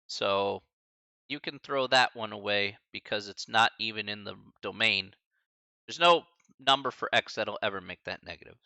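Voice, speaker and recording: A man's voice: medium pitch, gravelly, no echo. A man in his early forties, a college math instructor, teaching a live-streamed lecture and chatting with viewers between steps. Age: 40s. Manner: lively, chatty asides to chat, laughs often.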